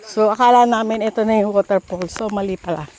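A woman's voice: mid-range voice, fairly quick, darkish tone, slight background noise. A woman narrating a casual hiking vlog, out of breath, chatty and full of exclamations, mixing English into her talk. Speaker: vlogger. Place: outdoors on a forest trail by a waterfall.

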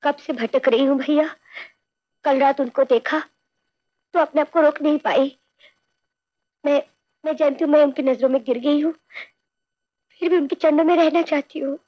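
A woman's voice: sits high, fairly even intonation, moderate pace, pauses often, dry recording, lightly acted. A woman playing a pleading devoted wife. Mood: desperate. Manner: pleading and earnest. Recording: dull old film soundtrack with score.

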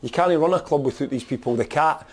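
A man's voice: fairly high pitch, quick pace. A man with a Scottish accent, a football manager talking frankly after a match and often saying "you know". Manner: frank, plain-spoken, peppered with "you know". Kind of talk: post-match interview.

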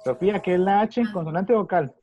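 A man's voice: high-pitched, lively intonation, fast, mellow, dull audio, a little hiss or hum. A man teaching an online English class to children in Spanish, patiently repeating his questions. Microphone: video call.

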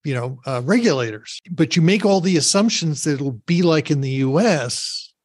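A man's voice: on the high side, animated, moderate pace, a little mellow, slightly rough, dry recording. A middle-aged man hosting an interview podcast, talking in a conversational, matter-of-fact way with some hesitations. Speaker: podcast host. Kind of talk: casual interview talk.

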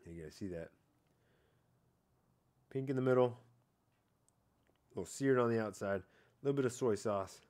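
This fishing vlogger, a man in his thirties, has an expressive, medium-pitched, darkish voice and speaks a little slowly with frequent pauses. Tasting fish on a patio outdoors at night for a casual catch-and-cook vlog shot on a head-mounted camera, he rambles in a relaxed way, hedging with "I don't know" and "like".

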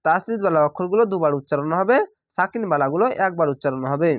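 A man teaching Quran reading, spelling out each syllable slowly and drawing out the sounds. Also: on the high side, expressive, dry recording, clean studio sound. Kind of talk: syllable-by-syllable recitation lesson.

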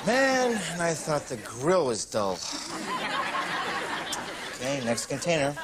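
A man's voice: a little high, huge pitch swings, slow, over a noisy crowd, full character voice. A young man playing a lazy, sarcastic, self-absorbed teenage slacker in a TV sitcom, dry and whiny, drawing words out. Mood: absorbed counting. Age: young adult. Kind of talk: broad teen sitcom acting. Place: studio fast-food kitchen set. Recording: very noisy old TV sitcom recording. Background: studio audience.

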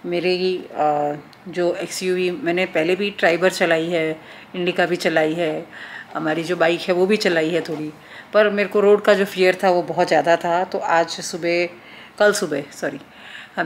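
A woman in her forties vlogs from her home into a handheld phone. She talks in a rambling, chatty way. Her voice is a little low for a woman, with faint background noise. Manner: chatty, thinking aloud, many fillers. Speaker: vlogger. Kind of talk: casual vlog talk. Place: home interior. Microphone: phone camera at arm's length.

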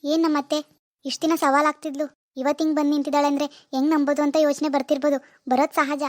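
Playing a regretful middle-aged mother-in-law in a homemade family skit, a woman begs her daughter-in-law for forgiveness in an earnest, pleading, apologetic way. She speaks fast in a high-pitched, level natural voice, with a dry, clean studio sound.

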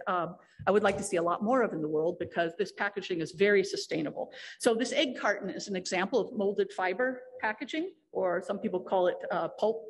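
A woman speaks at a technical conference, walking through engineering problems. She explains patiently, often pausing on fillers and restarting her sentences. Her voice sits at a middle pitch. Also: slight background noise. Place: lecture hall.

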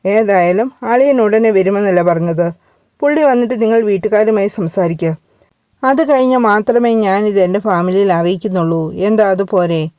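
A woman's voice: mid-range voice, moderate pace, dark tone, dry recording, studio quality, natural voice. A woman voicing an earnest, proud young mother who grows anxious, in a storybook reading.

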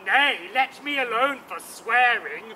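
An actor on an open-air stage playing a foolish, blustering young knight who talks loudly. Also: medium pitch, expressive, a little slow. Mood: eager. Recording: distant outdoor recording with traffic noise.

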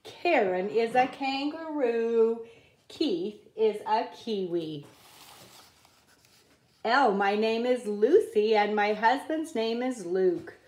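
A woman reading a children's picture book aloud at a table, in a slow, careful read-aloud cadence. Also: on the high side, animated, darkish tone, roomy sound. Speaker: reader. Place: indoors at a wooden table.

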